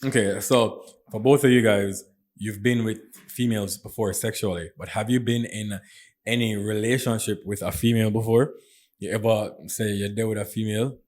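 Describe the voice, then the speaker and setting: A man's voice: fairly low pitch, steady tone, normal speed, a little mellow. A man with a Jamaican accent hosting a casual podcast chat, asking questions and joking around. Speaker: podcast host.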